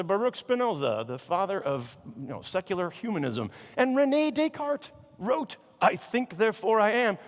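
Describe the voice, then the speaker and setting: A high-pitched, gravelly-voiced man gives a comedy keynote. His delivery swoops wide and lands mock-outraged punchlines. His voice rings out with a long reverb in a big conference hall. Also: fairly bright tone. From Chicago, United States.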